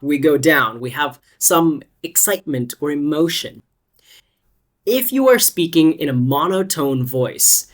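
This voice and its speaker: An English test-prep teacher giving a scripted online lesson, explaining step by step with lively rises and falls. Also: medium pitch. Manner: clear, explanatory, instructive.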